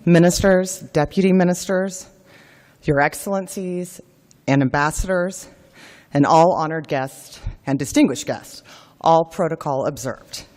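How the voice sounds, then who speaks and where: A woman's voice: sits low, a little slow, a little mellow, in a large hall. A woman giving a formal speech at a forum, gracious and earnest, telling a personal family story. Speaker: keynote speaker at a forum.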